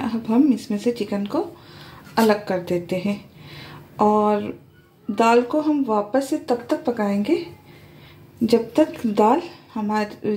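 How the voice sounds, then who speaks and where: A woman hosting a home cooking tutorial, calmly explaining each step as she goes. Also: a little high, a little hiss or hum. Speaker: cooking channel host. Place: home kitchen.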